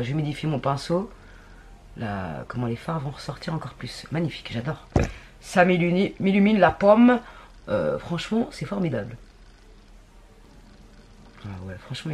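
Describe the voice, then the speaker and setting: A woman's voice: low voice, lively intonation, normal speed, long pauses, slight background noise. A woman chatting casually through a makeup tutorial, slangy and talking to herself as she works. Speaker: beauty vlogger.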